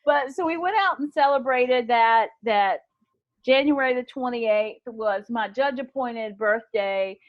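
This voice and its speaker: A woman co-hosting a podcast, telling a story in an animated, excitable way. Her voice sits fairly high. The recording sounds dull and lo-fi. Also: unhurried. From Texas. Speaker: podcast co-host. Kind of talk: casual storytelling chat.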